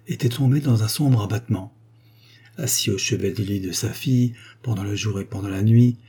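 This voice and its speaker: A man reading a nineteenth-century novel aloud as an audiobook narrator, in a measured, expressive way. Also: lowish voice, slightly rough. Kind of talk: scripted literary narration.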